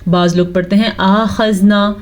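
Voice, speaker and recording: A woman teaching Quran pronunciation, reciting words slowly and breaking them into syllables with patient explanation. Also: medium pitch, lively intonation, a little mellow. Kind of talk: slow tajweed lesson with recitation.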